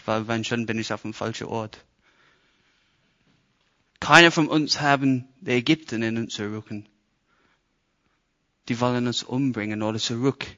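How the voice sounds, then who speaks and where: Bright-voiced British man preaching in German. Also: mid-range voice, dull audio. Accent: English-speaking. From Britain. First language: English. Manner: animated storytelling, acts out voices, broken German. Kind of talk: sermon.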